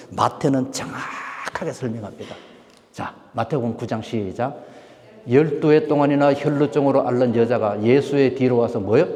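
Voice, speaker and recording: A man preaching a sermon to a church congregation, animated and full of questions put to the listeners. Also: mid-range voice. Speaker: pastor. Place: church sanctuary. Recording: long hall reverb.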